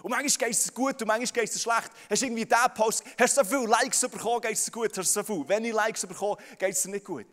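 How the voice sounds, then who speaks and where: A man's voice: high voice, fast talker, few pauses, a bit bright. A young man with a Swiss German accent preaching a sermon to a large crowd, often stammering and repeating words as he speaks to them directly. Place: large hall with audience. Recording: long hall reverb.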